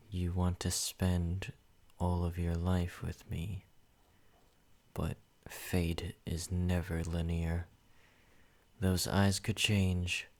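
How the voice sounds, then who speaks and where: Putting on an exaggerated voice, a man performs a deep, slow, obsessive vampire for an ASMR roleplay. The character is a menacing, possessive male yandere, and he speaks softly and intimately, slow and controlling, drifting into whispers.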